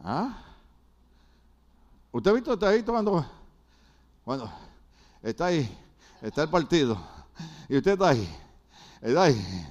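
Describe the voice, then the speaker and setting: Animated high-voiced preacher. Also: male voice, a little slow, pauses often. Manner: animated, shouting, joking with congregation. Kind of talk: sermon.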